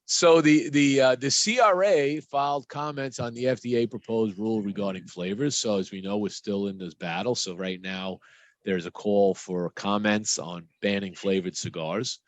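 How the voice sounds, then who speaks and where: A man's voice: on the low side, moderate pace, no room sound. A man hosting a podcast, giving a casual news rundown with a loose, filler-heavy delivery. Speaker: podcast host.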